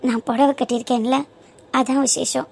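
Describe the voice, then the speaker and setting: A woman voicing a gentle young female college student in a cartoon, talking softly and pleading. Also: on the high side, steady tone, normal speed, creaky, dry recording. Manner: soft, pleading. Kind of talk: cartoon voice acting.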